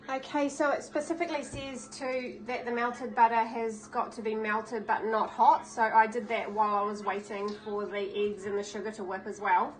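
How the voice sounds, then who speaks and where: A woman's voice: fairly high pitch, flat delivery, normal speed, few pauses, poor audio. A woman, hosting a baking channel and talking through a recipe step by step in a chatty, upbeat way in her home kitchen. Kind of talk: casual cooking demonstration.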